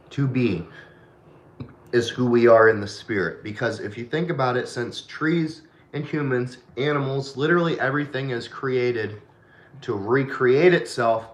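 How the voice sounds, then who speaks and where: A man's voice: mid-range voice, reverberant. A tipsy man co-hosting a casual late-night chat about faith, rambling and sometimes losing his train of thought. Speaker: podcast co-host.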